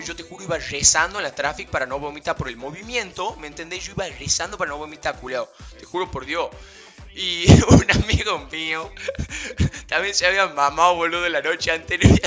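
A man's voice: on the high side, sharp tone. A young man telling a casual, slangy anecdote to his viewers, rambling with fillers and breaking into laughs. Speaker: vlogger.

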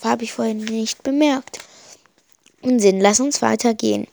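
A woman voicing a brave boy adventurer who shouts urgent commands while trying to sound confident. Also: a little high, measured pace, gravelly, a little hiss or hum.

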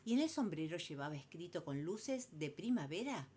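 A woman's voice: fairly low pitch, big pitch swings, moderate pace, dark tone, slightly rough. A woman with a Rioplatense Argentine accent telling a children's story in a playful, sing-song way.

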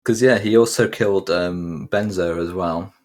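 A man's voice: low voice, moderate pace. A man co-hosting a podcast in casual chat, rambling with lots of fillers. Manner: rambling, lots of likes and ums. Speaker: podcast co-host.

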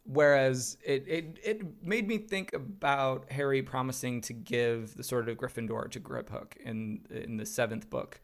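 A man in his thirties chats casually as a podcast co-host, spinning his points out in an animated, storytelling way. His voice sits at an ordinary middle pitch. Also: measured pace, few pauses. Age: 30s. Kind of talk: casual chat.

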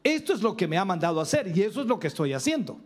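A calm male army leader, voiced by a preacher, explains his orders plainly. He speaks matter-of-factly, in a steady, lively voice. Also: high-pitched, rapid-fire.

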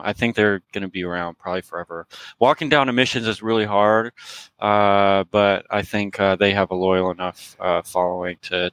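A man's voice: sits low, a bit bright, smooth, no room sound, low-quality recording. A man co-hosting a casual podcast chat, rambling and joking with lots of fillers. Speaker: crypto podcast co-host.

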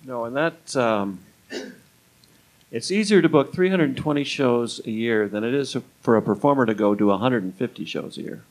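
Over poor audio, an older man at a moderate pace and medium pitch recounts stories as an interview guest. He used to book a music club, and his conversational telling rambles and drops into quoted dialogue.

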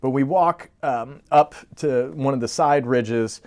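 Guest spot: man in his thirties, animated storyteller, acts out the quotes. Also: medium pitch, measured pace. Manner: animated, acts out quoted voices, laughs often. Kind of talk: casual storytelling.

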